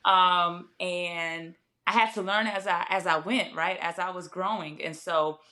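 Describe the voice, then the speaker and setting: Low-pitched woman telling her story casually. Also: fairly even intonation, measured pace, sharp tone. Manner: conversational, self-correcting, quotes her own thoughts. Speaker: podcast guest, fashion brand founder.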